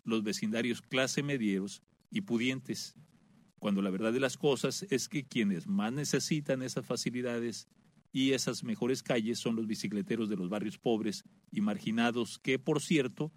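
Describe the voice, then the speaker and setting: A man's voice: mid-range voice, moderate pace. A man hosting a radio talk show, conversational and full of "eh" fillers. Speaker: radio host.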